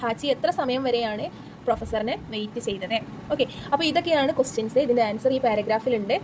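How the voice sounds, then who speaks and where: A woman's voice: a little high, background noise. A young woman teacher with a Malayali accent, explaining exam questions step by step and answering her own questions. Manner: reads the textbook text slowly and deliberately. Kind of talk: exam-prep lesson.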